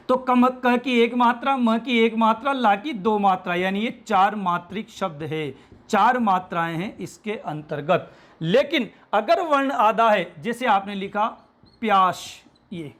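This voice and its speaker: Slow, patient male Hindi teacher. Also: sits high, fairly bright tone. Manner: patient, repeats reminders to pay attention; asks questions then answers them. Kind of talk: classroom lecture.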